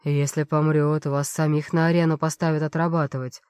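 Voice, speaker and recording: A woman voicing an angry male doctor who swears and shouts orders in an audiobook. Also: low voice, flat delivery, a little fast, smooth, no echo, clean studio sound, voice pushed down, close to an everyday voice. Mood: furious.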